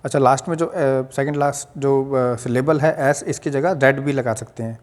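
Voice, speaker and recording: A man's voice: medium pitch, fairly even intonation, normal speed. A man with an Indian accent giving a patient English pronunciation lesson, spelling out each word letter by letter and explaining its meaning. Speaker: English teacher. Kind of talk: Hindi-language pronunciation lesson.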